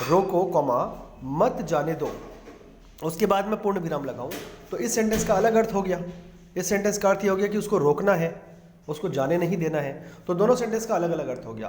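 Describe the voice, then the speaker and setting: Male teacher, fairly high voice, patient grammar explainer, echoey room with faint hiss. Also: a little mellow. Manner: explains patiently in Hindi mixed with English, reads English lines slowly. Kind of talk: classroom grammar lesson.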